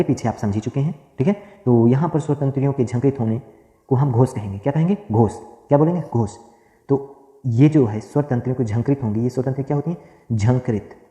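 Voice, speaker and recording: Here a mellow, dark-voiced man in the mid-range teaches grammar, repeating each phrase as he dictates and answering his own questions. Long reverb from the echoey room leaves a roomy, trailing echo on everything he says.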